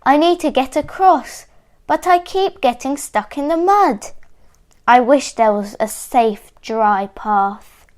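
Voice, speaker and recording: A woman's voice: high-pitched, takes it slowly. A woman voicing a forlorn, polite dog from a children's storybook, with a plaintive way of talking.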